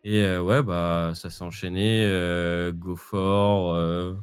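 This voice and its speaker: A man's voice: deep voice, little pitch movement, slow pace, clean tone. A man in his twenties with a Parisian French accent, chatting casually and hesitantly as an interview guest. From Paris region, France. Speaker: esports player, podcast guest.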